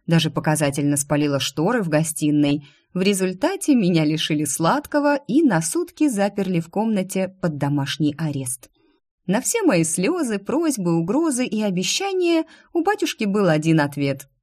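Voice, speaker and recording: Lower-pitched woman narrating a novel. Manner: lively, expressive. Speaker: audiobook narrator. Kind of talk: first-person novel narration.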